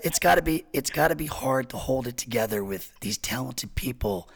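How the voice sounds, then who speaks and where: A man's voice: mid-range voice, expressive, normal speed, gravelly, slightly rough. A man interviewing a guest, eager and stumbling over his questions. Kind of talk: casual interview chat.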